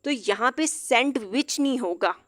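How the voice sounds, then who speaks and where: A woman's voice: fairly high pitch, animated, fairly bright tone, no room sound, clean studio sound. Woman patiently teaching word by word. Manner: patient, repeats each example word slowly. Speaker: English teacher. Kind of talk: explanatory lesson.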